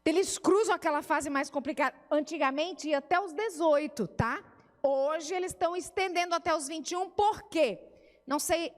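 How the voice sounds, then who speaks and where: A middle-aged woman with a Brazilian Portuguese accent, a family therapist giving a conversational church seminar talk and acting out family dialogues. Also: sits high. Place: church hall. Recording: reverberant church hall.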